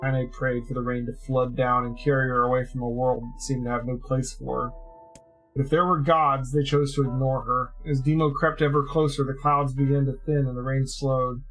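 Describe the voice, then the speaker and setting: A streamer reads a story aloud in a steady, measured voice. His pitch sits in the middle range, and faint music plays underneath. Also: poor audio. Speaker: streamer reading game story.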